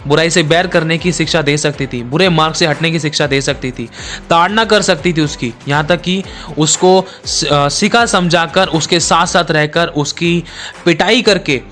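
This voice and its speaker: A man's voice: on the high side, moderate pace, fairly bright tone, soft background music. A man preaching a sermon, telling a dramatic story and repeating his phrases for emphasis.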